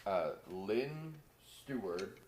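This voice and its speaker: Slow, hesitant young man reading comments. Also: on the low side, lively intonation, a little mellow, slight background noise. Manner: hesitant, with many "uh" fillers. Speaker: assistant reading viewer comments.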